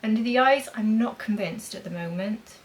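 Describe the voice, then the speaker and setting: A woman's voice: mid-range voice, moderate pace, a little hiss or hum, poor audio. A woman demonstrating makeup in a chatty vlog, thinking aloud as she applies blush and powder. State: talking with a mint in her mouth. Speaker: beauty vlogger.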